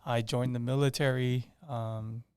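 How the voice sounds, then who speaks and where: A man's voice: mid-range voice, level tone, a little slow, a little mellow, clear, resonant tone, no echo, clean studio sound. A man in his thirties, raised on Guam, introducing himself as a candidate in an earnest, plain way with frequent restarts. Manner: earnest, many restarts and fillers. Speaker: political candidate. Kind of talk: casual interview talk.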